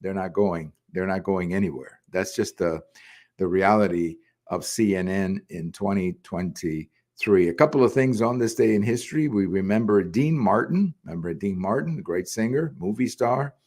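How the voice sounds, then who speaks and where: An older man hosting a solo political commentary show, talking conversationally with frequent pauses and restarts. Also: deep voice, a little mellow. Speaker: podcast host.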